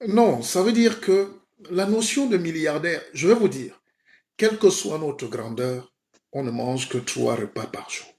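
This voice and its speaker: A man's voice: a little high, expressive, a little slow, darkish tone. A man playing a comic spiritual guide in a mock sermon on a live stream, playful and rhetorical, often asking his listeners "hein?". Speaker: comedic self-styled spiritual guide.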